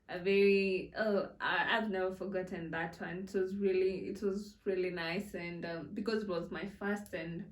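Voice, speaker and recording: A woman in her twenties chats through a storytime vlog, giggling and restarting her sentences as she goes. She sits a little back from the mic, so her voice is distant. The room around her gives it a clear echo. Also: mid-range voice. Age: 20s. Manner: chatty, giggly, with many fillers and restarts. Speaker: content creator. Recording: roomy echo, a bit far from the mic.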